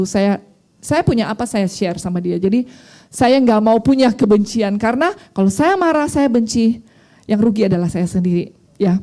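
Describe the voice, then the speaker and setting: A woman's voice: mid-range voice, mellow. A middle-aged woman pastor preaching a sermon in a conversational, storytelling way, mixing in English phrases.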